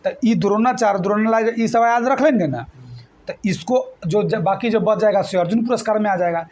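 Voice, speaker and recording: A man's voice: high-pitched, fairly quick, a little mellow, a little hiss or hum. A male teacher leading a classroom exam-prep lesson, quizzing students with call-and-response questions and repeating mnemonics. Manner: repetitive mnemonic chanting.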